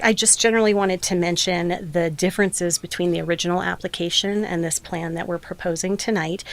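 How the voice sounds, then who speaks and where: Her voice lowish and a touch hoarse, a woman presents formally from prepared material as a development applicant at a public meeting.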